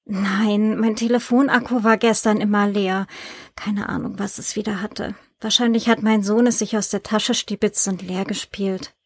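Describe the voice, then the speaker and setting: A woman's voice: mid-range voice, steady tone, moderate pace, husky, no echo. A woman voicing a puzzled young mother answering a phone call in an audiobook, in a chatty way.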